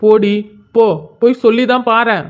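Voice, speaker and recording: A woman's voice: a little high, level tone, moderate pace, narrow, tinny audio, natural voice. A woman voicing a cocky young male senior who taunts and pesters a girl in a bossy way, in a cartoon story. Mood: taunting.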